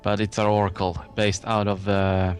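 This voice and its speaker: Deep-voiced male podcast guest. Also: flat delivery, faint music behind. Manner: eager, halting, frequent uhs and self-corrections. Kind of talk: casual gaming podcast chat.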